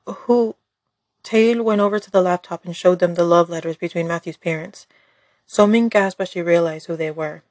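A woman's voice: fairly low pitch, fairly even intonation, fairly quick, darkish tone, dry recording. A woman reading scripted story narration as the narrator.

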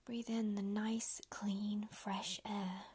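A woman whispering a slow, soft guided meditation close to the mic, giving calm step-by-step instructions. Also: mid-range voice, slightly rough.

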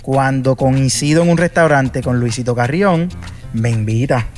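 A Puerto Rican salsa singer, appearing as a guest in a casual interview, speaks in a medium-pitched, slightly slow, somewhat mellow voice with a Puerto Rican Spanish accent. He rambles as a chatty storyteller, full of fillers and restarts, over a light music bed.

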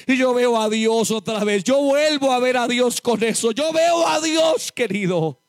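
A man giving an impassioned testimony sermon to a church congregation, addressing them as brothers and rising to shouted exhortation. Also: extremely high pitch, normal speed, no echo, studio quality. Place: church service before a congregation.

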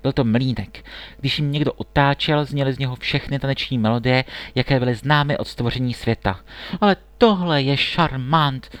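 A man narrating a classic fairy tale in a calm, steady storybook reading. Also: mid-range voice, no echo.

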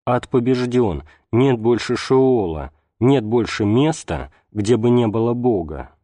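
A man reading a religious text aloud as an audiobook narrator, in a measured, unhurried way. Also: medium pitch, lively intonation, mellow, no room sound. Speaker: audiobook reader.

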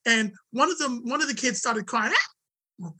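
A man guest telling a story in conversation, animated and emphatic. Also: very high-pitched, moderate pace, poor audio.

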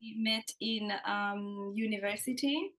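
A young woman from Tanzania, a student and podcast guest, talking in a relaxed, giggly way. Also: medium pitch, measured pace. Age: young adult. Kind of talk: interview conversation.

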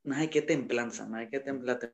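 A young Honduran man with a Honduran Spanish accent, co-hosting a podcast in loud, slangy casual chat. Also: medium pitch, moderate pace, gravelly, lo-fi sound. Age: young adult. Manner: loud, slangy, laughs often. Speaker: podcast co-host.

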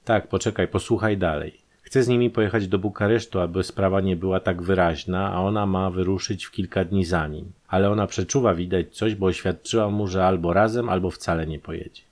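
A man's voice: sits low, steady tone, brisk, hardly any pauses, darkish tone, lightly acted. Man voicing a sly, scheming male thief. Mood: conspiratorial.

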